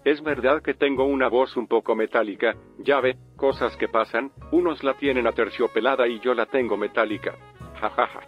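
Despairing 60s male caller, metallic robotic voice, played by a man; deadpan, muffled lo-fi line. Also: medium pitch, moderate pace, soft background music. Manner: flat, bitter deadpan complaints. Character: gloomy hopeless older male radio caller.

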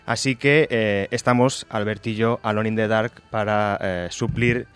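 Spanish guy cohosting radio, nasal voice, kinda low, rambles and jokes around. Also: steady tone, unhurried, a bit bright, smooth, faint music behind. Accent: Spain Spanish. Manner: jokey, rambling. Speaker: radio show co-host. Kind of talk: casual chat.

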